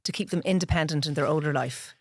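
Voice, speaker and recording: A middle-aged pharmacist from Ireland with a Northern Irish accent speaks frankly and straight-talkingly as a podcast guest, explaining things in detail during a conversational interview. Her voice is low and fast, captured in clean studio sound with no room sound.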